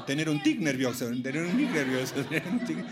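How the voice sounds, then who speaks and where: A man's voice: on the high side, big pitch swings, fairly quick. A man performing a live children's show, leading the audience in a singalong and telling riddle jokes, laughing along as he goes. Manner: playful, leads call-and-response, laughs at own jokes. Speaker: children's singer. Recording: live concert recording with loud guitar music.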